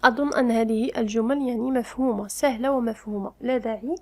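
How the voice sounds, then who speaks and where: Woman teaching French, slow careful reading. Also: on the high side, steady tone, warm tone. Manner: reads French slowly, explains quickly in Arabic. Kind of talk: bilingual language lesson, reading and explaining.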